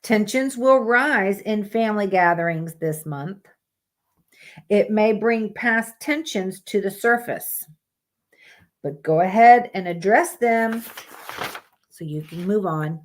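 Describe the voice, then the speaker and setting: This medium-pitched woman speaks slowly as she reads monthly horoscopes aloud on a live stream. Her delivery is plain and casual, interrupted now and then by blunt asides full of swearing.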